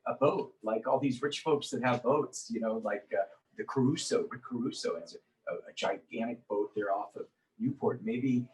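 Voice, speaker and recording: A man's voice: medium pitch, moderate pace, a little mellow, recorded from a distance, rough recording. A man hosting a casual interview, rambling loosely with fillers. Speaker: radio talk show host.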